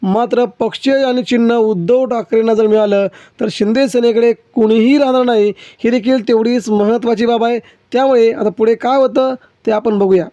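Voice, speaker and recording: A man's voice: extremely high pitch, steady tone, moderate pace, few pauses, dark tone, no room sound, highs cut off. A man presenting political news commentary, explaining emphatically and calling his viewers friends.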